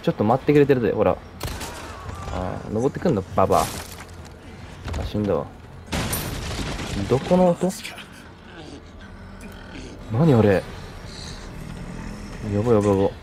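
A man giving casual, excitable commentary on a horror game he is playing, reacting loudly, joking to himself and mouthing silly sound effects. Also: fairly low pitch, normal speed, pauses often, background noise. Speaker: let's play commentator.

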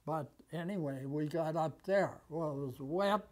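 An American man in his nineties with an aged voice, recounting memories conversationally and haltingly, with long pauses. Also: a little high, darkish tone. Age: 90s. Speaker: war veteran being interviewed. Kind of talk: conversational reminiscence. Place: small office, indoors. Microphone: lapel mic.

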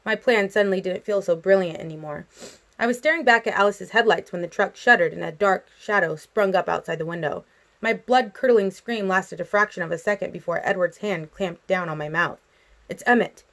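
A woman reading a novel aloud in a steady, even narration, her voice dropping for the speech tags. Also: on the low side, brisk. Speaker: audiobook reader.

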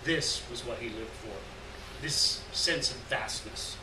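In a gallery room, a middle-aged story reader slowly narrates a scripted tale at a live literary event, his pitch medium. Although he speaks into a lectern stand mic, the audio comes from a distant camera, giving a roomy, far-off sound with noticeable noise.

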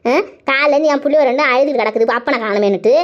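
Woman as a grumbling, defensive cartoon wife, brisk, dull lo-fi audio. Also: high voice, natural voice. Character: grumbling wife hunting for her lost husband. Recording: dull lo-fi sound.

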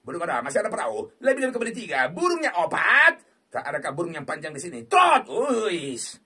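Man, rowdy slot-game commentary, crude teasing, shouting, husky voice. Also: high-pitched, huge pitch swings, a little fast. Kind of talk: excited gaming commentary. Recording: voice distant from the mic.

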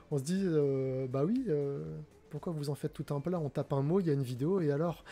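Streaming casually from an indoor room at home, this host in his forties speaks through a headset mic in a voice on the high side with a dark tone. He hesitates a lot, with many fillers and restarts.

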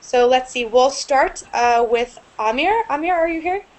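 A young woman teaching an online English class over a video call with earbuds, explaining clearly and upbeat. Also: sits high, animated, measured pace, a little mellow. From United States. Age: young adult. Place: small room indoors. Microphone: earbud headset on a video call.

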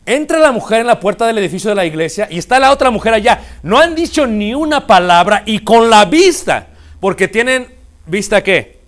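Male preacher, high voice, playful storytelling sermon. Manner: animated, acts out couples' dialogue with humor.

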